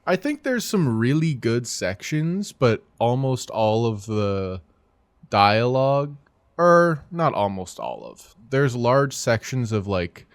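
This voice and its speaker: A man's voice: mid-range voice, dry recording. A man co-hosting a casual movie podcast, rambling and hesitant with lots of fillers. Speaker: podcast co-host.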